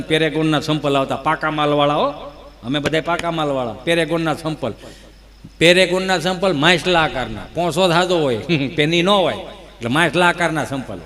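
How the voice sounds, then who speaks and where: A man's voice: a little high, fairly bright tone. A man performing a folksy stage comedy monologue and teasing the audience. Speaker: folk comedian.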